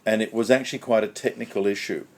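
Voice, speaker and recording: A man's voice: on the low side, fairly even intonation, fast, a little mellow, a little hiss or hum. Man explaining networking history on a panel. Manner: explains step by step, stressing key points by repeating them. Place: conference panel.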